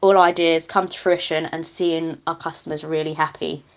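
A woman's voice: low-pitched, little pitch movement, normal speed. A woman answering interview questions, chatty and enthusiastic, laughing now and then. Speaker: carnival band committee member.

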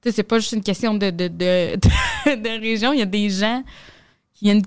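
A young woman comedian guest from Quebec has a clear, resonant, mid-range voice, recorded dry in studio quality. With a Québécois French accent, she tells rapid, slangy, animated stories in a relaxed podcast chat.

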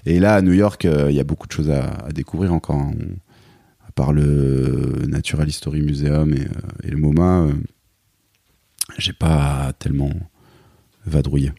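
Brief: hesitant man in his thirties, very low dark voice, dry close recording. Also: steady tone, normal speed, creaky, no room sound. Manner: hesitant, many fillers and restarts. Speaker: guest, songwriter and performer. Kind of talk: casual interview chat.

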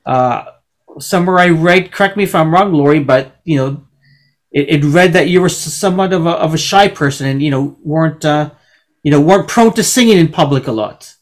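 Higher-voiced man, halting interviewer. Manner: halting, circling around the question. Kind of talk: casual interview.

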